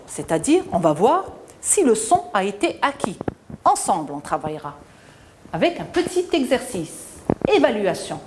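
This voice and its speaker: Slow, sing-song woman teacher. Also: darkish tone, slight background noise. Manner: slow, drawn-out syllables sung up high, then drops low to praise. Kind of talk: televised reading lesson for children.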